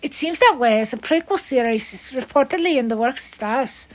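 A woman's voice: sits high, lively intonation, moderate pace, low-quality recording. A woman hosting an entertainment news podcast, reading a script in an upbeat, playful way. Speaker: host.

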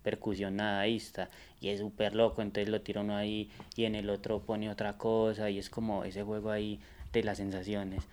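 A man, a musician guest, talking in a relaxed, rambling way with many hesitant fillers. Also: fairly low pitch, moderate pace, hardly any pauses. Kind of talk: casual conversation.

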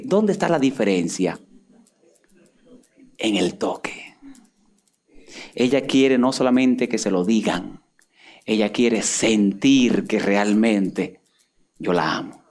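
A middle-aged male pastor preaching a sermon, moving between hushed, intimate passages and soaring, impassioned peaks. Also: mid-range voice.

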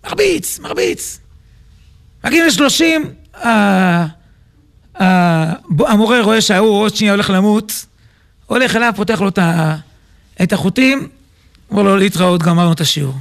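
A man, a rabbi, telling a parable in a lively sermon and acting out its scenes. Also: high-pitched, vocal fry, pauses often. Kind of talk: sermon storytelling.

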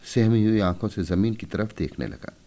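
A man narrating a story in an expressive, measured storybook reading. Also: fairly low pitch.

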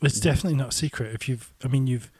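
A man co-hosts a casual podcast chat in a medium-pitched voice. The sound is dry, with no room around it. He speaks hesitantly, often rephrasing as he goes. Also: racing, darkish tone, breathy edge, no room sound. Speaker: podcast co-host.

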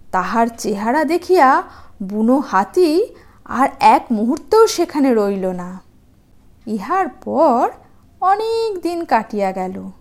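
A woman with a high voice tells stories to small children. Her delivery is slow and very animated in pitch. She sounds sweet and sing-song, like an expressive storybook reader. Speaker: storyteller hosting a children's channel.

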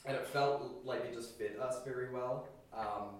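A man's voice: mid-range voice, fairly even intonation, normal speed. A man, a band member, explaining things thoughtfully in a casual interview. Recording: echoey room from far off.

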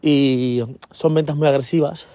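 A man's voice: fairly high pitch, fairly even intonation, a little slow, dark tone, no echo. A man with a slightly raised voice talks through a casual solo podcast monologue. He rambles from point to point and keeps checking in with his listeners. The sound is close and dry, recorded while he walks outdoors. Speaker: podcast host.

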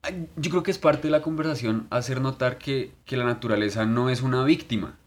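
A man, co-hosting a podcast in casual chat, telling stories in a crude, animated way full of swearing. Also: mid-range voice, a little fast. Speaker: podcast co-host.

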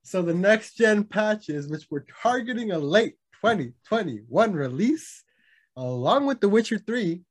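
A man's voice: high voice, sing-song, unhurried. A young man co-hosting a casual gaming chat, rambling and swearing freely. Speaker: podcast co-host.

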